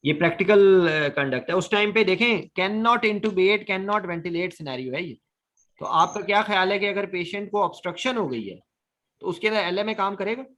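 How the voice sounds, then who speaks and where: A man's voice: high-pitched, expressive, normal speed, a bit bright. A man teaching an online anesthesia lesson, quizzing his students and mixing English medical terms into his speech. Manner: questions students, mixes English terms into Urdu.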